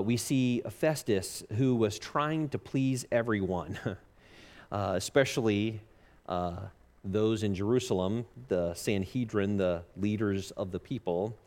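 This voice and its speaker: A man preaching a sermon at a pulpit microphone, earnest and halting with frequent filler pauses. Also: lowish voice, darkish tone. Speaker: pastor. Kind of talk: sermon with scripture reading.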